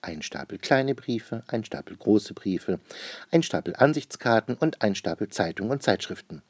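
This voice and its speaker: A man reading a children's story aloud in a lively storyteller manner. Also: on the low side, normal speed, breathy edge, no echo. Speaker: narrator.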